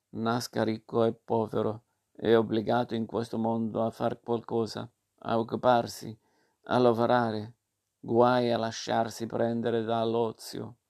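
A man's voice: medium pitch, creaky, a little mellow. A man reading aloud and voicing a kind but stern fairy who patiently lectures a puppet boy. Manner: admonishing, patient.

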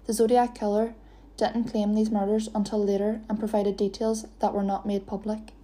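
A woman narrates a true-crime podcast from a script. Her voice is deeply mellow and dark, and her pitch stays flat and level throughout. The reading is steady and even. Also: moderate pace. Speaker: podcast host.

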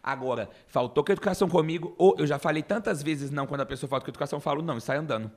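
A man with a Brazilian Portuguese accent telling stories in casual chat, animated, acting out the people he quotes. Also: on the high side, very fast.

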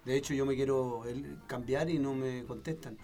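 A man's voice: mid-range voice, fairly even intonation, normal speed, loud music behind the voice. A man with a Chilean accent, a pastor co-hosting a podcast, telling stories and joking in casual banter. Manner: playful storyteller, easily amused.

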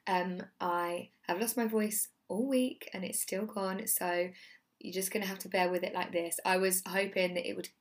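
A woman's voice: medium pitch, fairly even intonation, moderate pace. A woman podcast host and coach delivering a scripted introduction in an upbeat, inspirational way.

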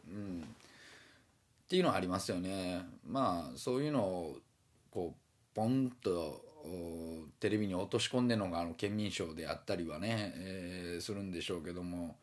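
Man, Kansai accent, very low voice, casual solo talk, rambling, lots of fillers. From Osaka. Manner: meandering, many fillers and hesitations.

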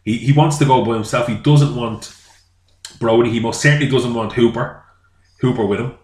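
Man, from Ireland, mid pitch, rambling storyteller, echoey room. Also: normal speed, darkish tone. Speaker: podcast co-host. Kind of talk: casual film chat.

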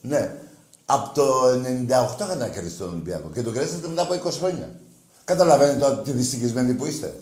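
A male call-in show host with a middling voice who talks fans down with crude, taunting banter. He flares into loud, shouted bursts between stretches of gruff muttering. The studio sound is roomy and echoing. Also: mid-range voice, animated. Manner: brash, crude and mocking, with sudden shouting bursts. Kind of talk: rowdy sports call-in banter. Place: radio studio.

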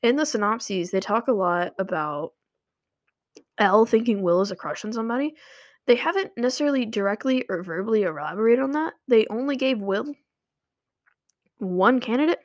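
Her voice is a little high with lively intonation and a moderate pace, and there's no echo. This young vlogger gives casual commentary to her viewers from a home room with running water nearby, rambling and using plenty of filler words.

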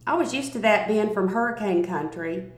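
A woman's voice: medium pitch, lively intonation, normal speed. Woman reading a story in an echoey room. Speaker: narrator. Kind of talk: first-person storytelling read aloud. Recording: roomy, echoey recording.

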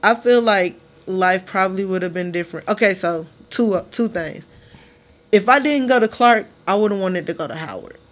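A young man co-hosting a podcast, teasing and laughing loudly in casual chat. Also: sits high, moderate pace. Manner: teasing, loud laughter, playful. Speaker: podcast co-host.

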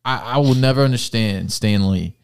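A man's voice: mid-range voice, moderate pace, creaky, smooth. A man in his twenties hosting a podcast, rambling and joking in casual chat and laughing often. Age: 20s. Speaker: podcast host.

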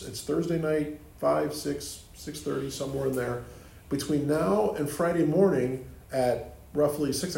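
A man's voice: a little high, creaky, mellow. A man leading a group Bible study, explaining the text with restarts and questions to the group. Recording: echoey room with faint ambience.

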